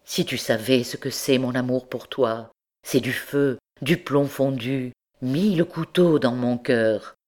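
A woman reading an audiobook, voicing an obsessed older priest who pleads in hushed, breathless tones. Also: rumbling low, takes it slowly. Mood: pleading.

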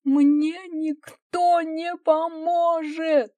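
A woman's voice: level tone, very slow, warm tone, dry recording, heavily acted. A woman voicing a desperate young wife who screams through a locked door in an audiobook story. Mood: despairing. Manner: shrill screaming, drawn out. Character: young wife, suddenly aged, desperate and hysterical.

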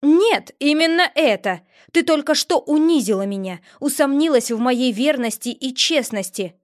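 A haughty young princess, as a woman reads her, pitched well above a plain speaking voice and quick to flare into temper. She sounds high and sharp-edged, and the recording is close and dry, with no room sound. It is an audiobook character voice. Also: lively intonation, no room sound. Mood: furious. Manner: sweetly innocent, then shrill and furious.

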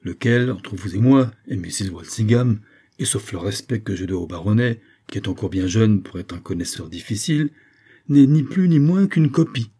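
A man reading aloud voices an effusive, flattering middle-aged army major with a theatrical, gushing manner. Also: fairly low pitch, normal speed, husky. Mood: jovial.

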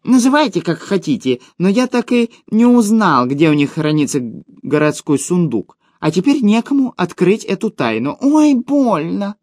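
A tiny boastful gnome squeals and whines in a high, squeaky voice. The pitch leaps wildly about, and the storybook reading sounds dry and close. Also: male voice, expressive, normal speed, few pauses, a little mellow, no room sound. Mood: whining. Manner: high squeaky wailing, melodramatic. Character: shrill tiny boastful male gnome, whiny thief.

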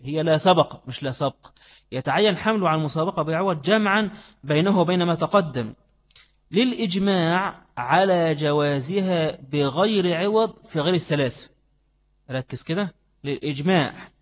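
Egyptian man teaching in an echoing hall. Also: a little high. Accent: Egyptian Arabic. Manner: quizzes students with repeated questions, then answers himself. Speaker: teacher of Islamic law. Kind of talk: classroom lecture. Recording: long reverb of a hall.

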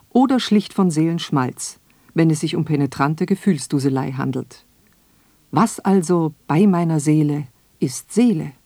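A woman reading her own radio essay in a slow, measured, reflective way. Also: low-pitched, mellow, dry recording. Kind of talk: scripted radio essay narration.

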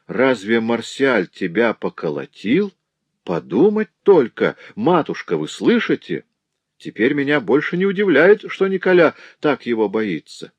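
A man's voice: medium pitch, wildly swooping pitch, a little slow, no echo, highs cut off, pitched above the performer's own voice. A man voicing a spiteful young peasant woman who taunts and sneers. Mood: mocking.

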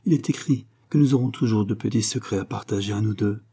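A man's voice: on the low side, fast talker, dark tone, breathy edge. A man reading a novel aloud and voicing a fervent, pleading young pregnant woman. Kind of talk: audiobook reading.

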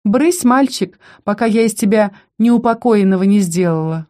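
A spiteful young necromancer girl who bullies with a high, sneering lilt, as a woman reads her. Her taunts are mocking and condescending, and her voice is mellow underneath. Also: normal speed, lightly acted. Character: haughty young female necromancer student, spiteful bully.

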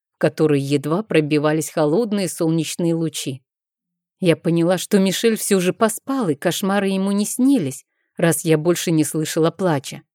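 A woman narrates a first-person audiobook in a gentle, measured way. Her voice sits fairly low and sounds mellow and warm. The recording is close and very dry. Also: no room sound.

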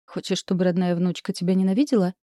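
A woman's voice: fairly low pitch, fairly even intonation, fast talker, dark tone, no room sound, close to an everyday voice. A woman reading the part of a tearful, pleading middle-aged mother in an audiobook.

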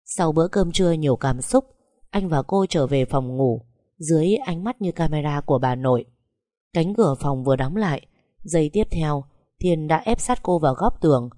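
A woman reads a romance novel aloud in a steady, even way. Her voice sits low and mellow. The recording sounds close and dry. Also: moderate pace, dry recording. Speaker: audiobook narrator. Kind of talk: scripted story narration.

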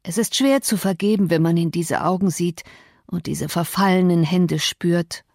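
A woman's voice: fairly low pitch, moderate pace, a little mellow, no room sound, clean studio sound. A woman reading the lines of a brooding, bitter man torn by love, in an intense, reproachful tone.

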